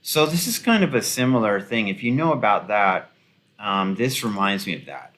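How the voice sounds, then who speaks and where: A man's voice: lowish voice, sing-song, moderate pace, fairly bright tone. A man giving casual, rambling commentary full of ums and restarts, with a sarcastic, mocking edge. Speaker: video commentator.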